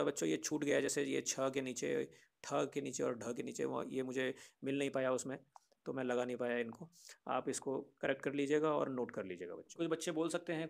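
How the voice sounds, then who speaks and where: A man's voice: a little high, vocal fry. A man teaching a grammar lesson, patiently explaining to children and often asking rhetorical questions. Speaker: Sanskrit teacher.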